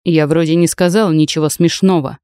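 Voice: medium pitch, fairly even intonation, a little fast, mellow, clean tone, no room sound, lightly acted. A reader voicing a stern, commanding noble uncle who talks harshly and imperiously, in a dry close recording. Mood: cold, domineering. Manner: harsh, imperious, barks orders.

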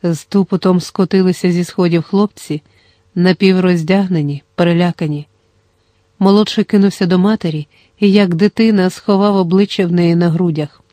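Dark-toned audiobook narrator. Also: medium pitch, fairly even intonation, normal speed, dry recording. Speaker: audiobook reader.

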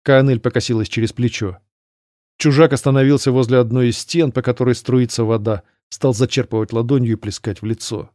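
Male audiobook narrator, measured and even, mid-range voice, dry booth sound. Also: mid-range voice, dry recording.

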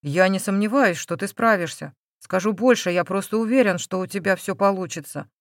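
A calm, caring man in his thirties speaks softly and reassuringly, voiced a little lower by a woman reading an audiobook. The recording is dry and close, with no room sound. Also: a little fast, no room sound, close to an everyday voice. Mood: gentle. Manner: gentle, reassuring. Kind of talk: audiobook character voice.

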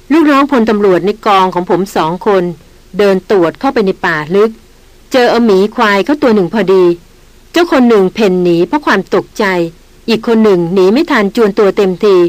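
A woman reading the part of a patient, gently teasing veteran male hunter in an audiobook. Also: medium pitch, expressive, a little fast, no room sound, close to an everyday voice, poor audio. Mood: amused. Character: seasoned male jungle hunter, calm and amused.

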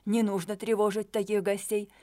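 Give me a woman reading an indignant hotel owner, curt and sharp, for an audiobook. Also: mid-range voice, little pitch movement, moderate pace, natural voice.

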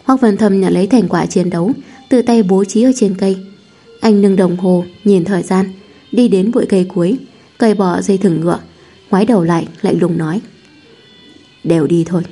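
A woman reading a romance novel aloud at home, in a calm, even storytelling manner. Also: medium pitch, a little fast, husky, faint music behind. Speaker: audiobook narrator. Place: home room, poorly soundproofed.

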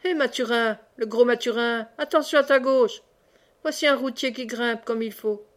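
Merry brawling friar, read by a woman, rambling banter, fairly high voice, audiobook. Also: normal speed, close to an everyday voice. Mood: jovial. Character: jovial brawling old friar, boastful and chatty. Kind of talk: audiobook character reading.

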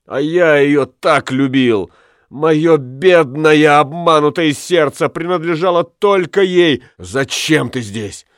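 A man's voice: on the high side, slow, clean tone, dry recording, studio quality, pitched above the performer's own voice. A man doing a raging jealous husband. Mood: furious. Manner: shouting, anguished, ranting.

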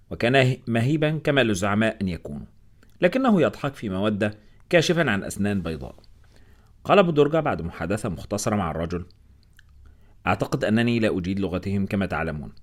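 A man narrating a story in a lively, expressive reading. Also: on the low side, quick pace. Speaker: audiobook narrator. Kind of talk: scripted narration.

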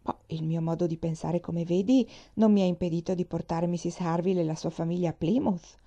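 A woman's voice: fairly low pitch, fairly even intonation, brisk, mellow. A woman reading the part of a young male naval captain, dry and dismissive. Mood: wry.

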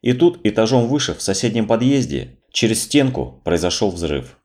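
A man narrating a dramatic story as an audiobook reading, with expressive storytelling. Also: lowish voice, normal speed.

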